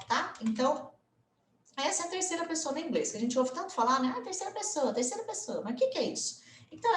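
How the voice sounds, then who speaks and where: A Brazilian woman teaching English grammar in a casual video lesson, chatty and full of little tag questions, slowing down to spell out example phrases. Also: mid-range voice, roomy sound, a little hiss or hum. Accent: Brazilian Portuguese.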